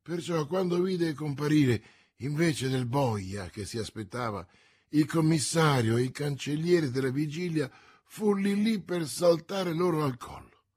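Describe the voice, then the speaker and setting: A man narrating an audiobook of a classic novel, with expressive, dramatic storytelling. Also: on the high side, a little slow, slightly rough.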